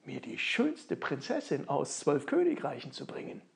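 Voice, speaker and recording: A woman voicing a cheerful, simple young wandering man who exclaims loudly. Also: low voice, huge pitch swings, moderate pace, creaky, husky, pitched below the performer's own voice, heavily acted. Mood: flustered. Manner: loud, delighted exclamations.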